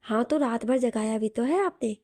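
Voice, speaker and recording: A woman's voice: fairly high pitch, normal speed, dark tone, no room sound, studio quality. A woman voicing a drowsy young wife who complains in a sleepy, sulky way in an audio story.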